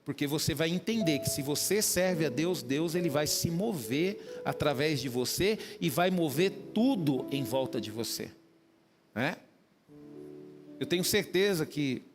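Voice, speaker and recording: A Brazilian pastor preaches with a fairly high voice, climbing to emphatic peaks and teasing his listeners. His voice rings through a reverberant church hall. Instrumental music plays clearly underneath. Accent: Brazilian Portuguese. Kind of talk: sermon.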